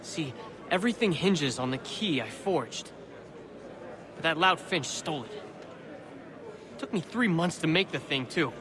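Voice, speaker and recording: An actor playing a wry, self-assured convict forger, coaxing and slyly explaining. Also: male voice, a little high, animated, measured pace, pauses often, crowd noise. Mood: grumbling.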